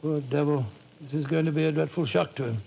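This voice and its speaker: Doctor Watson, gravelly high-voiced British gent. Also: male voice, fast, slight background noise. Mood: puzzled, concerned. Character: loyal, puzzled older English doctor sidekick. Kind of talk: 1940s radio acting. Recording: dull old radio recording.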